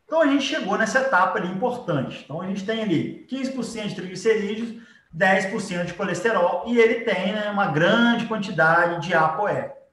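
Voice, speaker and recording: Recorded far from the mic in an echoey room, this male biology teacher with a Brazilian accent talks briskly in a high, slightly bright voice. His informal, explanatory live lecture involves drawing, and he often tosses in short tag questions to check on listeners.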